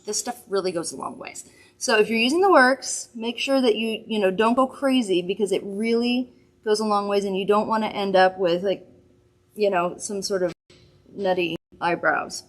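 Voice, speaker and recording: A woman's voice: medium pitch, normal speed. Chatty, giggly woman hosting a makeup live. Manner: chatty, giggly, rambling asides. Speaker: makeup livestream host. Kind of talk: casual product demo chat.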